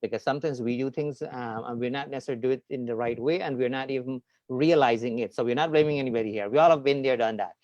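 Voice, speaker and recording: A man's voice: mid-range voice, quick pace, few pauses, a little mellow, no echo, highs cut off. A man hosting an online talk show, chatting in a friendly, rambling way with plenty of fillers. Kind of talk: casual interview chat.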